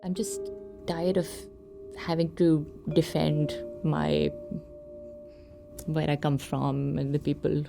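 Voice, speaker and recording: A woman's voice: low voice, level tone, slow, creaky, long pauses. A woman from Pakistan speaking candidly in a documentary interview. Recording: faint music behind voice.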